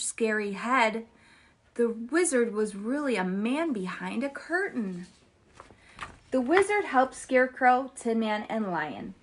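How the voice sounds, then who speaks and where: Woman, children's story host, animated read-aloud, chatty with viewers, fairly high voice. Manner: animated and chatty, addresses viewers as "you guys".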